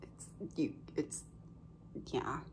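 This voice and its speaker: Whispering very slowly, a woman vlogs about her cross-stitch projects in a casual, rambling show-and-tell, full of ums and self-corrections. She sounds slightly congested and coughs now and then.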